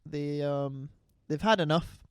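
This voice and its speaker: Young man with a fairly high, smooth voice. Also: slow, no room sound, studio quality. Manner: rambling, goes off on tangents, self-deprecating. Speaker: podcast co-host. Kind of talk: casual chat.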